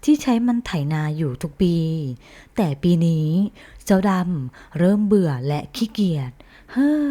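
A woman narrating bedtime stories in a slow, soothing way. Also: lowish voice, lively intonation, dark tone. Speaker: storyteller.

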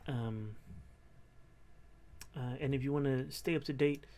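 A man in his thirties talking casually to camera in a quiet, low but clear voice, hesitantly thinking aloud as he goes. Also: measured pace, slight background noise. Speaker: host of a reaction and discussion video. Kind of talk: casual unscripted commentary to camera. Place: small bedroom in an apartment.

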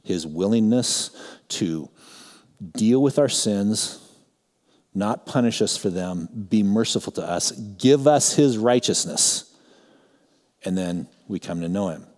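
A middle-aged man pastor delivers a teaching sermon in a conversational way. His voice sits on the low side, and he swings from emphatic points into soft, quiet asides. A long reverb from the church hangs on every phrase. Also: animated, takes it slowly, long pauses. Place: church sanctuary.

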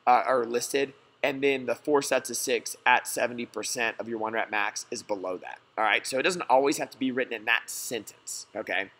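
A man's voice: medium pitch, a little fast, few pauses, a bit bright. A man, a gym coach, giving a slideshow lesson in a plain, reassuring way.

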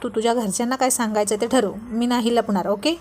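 Woman voicing a stubborn young husband, teasing, laid-back, slightly high voice. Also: fairly even intonation, fast, a little mellow, a little hiss or hum, natural voice. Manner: laid-back and teasing, mixes in English words.

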